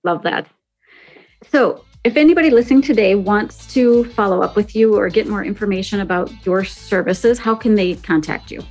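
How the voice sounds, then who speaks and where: A woman with a mid-pitched voice hosts a podcast in a conversational interview style. Faint music is present in the recording. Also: normal speed, a little mellow. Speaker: podcast host.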